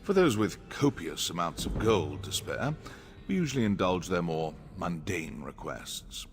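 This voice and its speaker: A cold assassin mentor with a very low voice that still rises and dips expressively. He talks down to the newcomer dryly and impatiently, over faint game music. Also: big pitch swings, unhurried. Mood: sardonic. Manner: dry, impatient, condescending. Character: stern, sardonic male assassin trainer. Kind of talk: video game dialogue.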